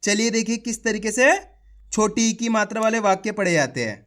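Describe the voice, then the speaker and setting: A man's voice: sits high, animated, a little fast, fairly bright tone. A male reading teacher sounding out words syllable by syllable, then saying each whole word, and coaching viewers as friends. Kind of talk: spelling-out reading lesson.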